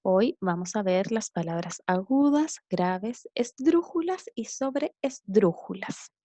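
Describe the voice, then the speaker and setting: A woman's voice: medium pitch, lively intonation, slow pace, warm tone, no room sound. A woman teacher with a Chilean Spanish accent, explaining a grammar lesson and checking understanding with short tag questions. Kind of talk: recorded classroom lesson.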